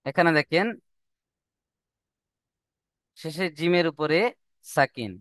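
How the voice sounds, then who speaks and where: A man's voice: a little high, moderate pace, fairly bright tone, no room sound, studio quality. A man teaching Quran reading rules step by step, stretching out the example words in a sung recitation. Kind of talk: slow step-by-step lesson.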